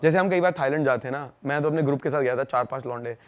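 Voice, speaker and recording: A young man from India, a podcast guest, telling stories in a fast, slangy, casual way and laughing along. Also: medium pitch. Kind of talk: casual storytelling chat.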